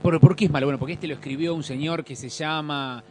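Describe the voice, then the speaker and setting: A man's voice: fairly high pitch, steady tone, faint music behind. A middle-aged Argentine man, a guest on a casual podcast, telling stories in a rambling way with restarts. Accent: Argentine Rioplatense. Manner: rapid, rambling storytelling with restarts.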